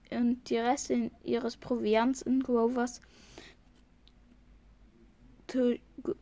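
A woman's voice: on the high side, a little mellow. A woman reading a novel chapter aloud, often stumbling and restarting words. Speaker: reader.

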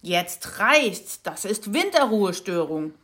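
A woman's voice: sits high, lively intonation, a little slow, pitched above the performer's own voice. A woman voicing a grumpy, chubby male squirrel who exclaims and stammers in a storybook reading. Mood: fed up.

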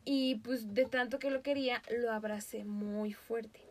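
A woman with a Mexican Spanish accent, hosting a podcast and telling a story in a casual, animated way, often breaking into laughter. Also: on the high side, unhurried. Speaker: podcast host.

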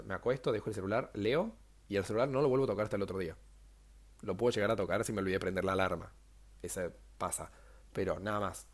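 A young man with a Rioplatense Spanish accent, hosting a casual solo podcast, chatty and self-mocking, with sudden jumps up in pitch. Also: darkish tone. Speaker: podcast host.

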